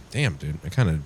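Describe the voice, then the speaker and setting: A gaming show host with a low voice delivers casual let's-play commentary while congested from the flu, his voice strained from yelling. The background noise comes through clearly.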